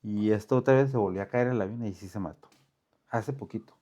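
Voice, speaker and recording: Male host, lowish voice, relaxed, affirming, casual chat. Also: quick pace.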